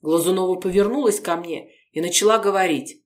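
Female narrator, measured first-person audiobook reading. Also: fairly low pitch.

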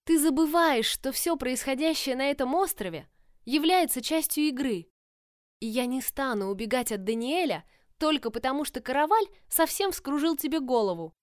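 A woman voicing an impulsive, headstrong young woman in love, speaking insistently in a raised, higher voice in an audiobook. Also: big pitch swings, moderate pace, no echo, studio quality.

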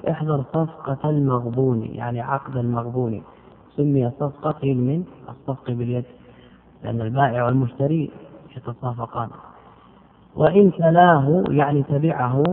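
A man teaching grammar line by line, stretching out example words and putting rhetorical questions to his students. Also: a little high. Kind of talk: explaining a grammar poem line by line. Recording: tinny phone-like recording.

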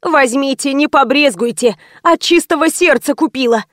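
A woman's voice: high voice, normal speed, a bit bright, no echo, clean studio sound. A woman voicing a fussy, grateful elderly neighbor who chatters and pleads. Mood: pleading.

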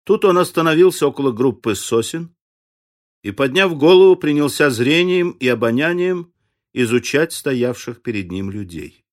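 A man reads a classic novel aloud as an audiobook narrator. His middle-pitched voice stays measured and expressive, with a steady, deliberate delivery. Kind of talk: scripted literary narration.

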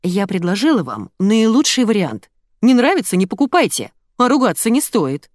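A woman voicing a prim, easily offended woman pharmacist who speaks slowly and plaintively. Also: medium pitch, very animated, a little mellow, no room sound, clean studio sound, pitched above the performer's own voice.

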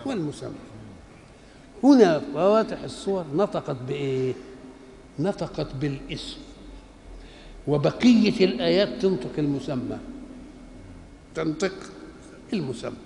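An older Islamic scholar with an Egyptian Arabic accent delivers a Quran commentary lecture in a highish, gravelly yet mellow voice, animated and moderately paced with long pauses. Like a teacher, he poses rhetorical questions and answers them himself. The hall echoes with faint ambience and slight background noise.

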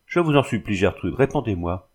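A man's voice: on the low side, animated, brisk, a little mellow, slightly rough. Male reader voicing an insistent, suspicious young suitor in a storybook reading. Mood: pleading. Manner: pleading and insistent. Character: suspicious pleading young man, her cousin.

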